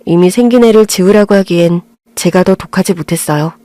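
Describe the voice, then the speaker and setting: A woman's voice: fairly low pitch, brisk, warm tone, no echo. A woman in her thirties narrating her own story in an earnest, confessional audio drama.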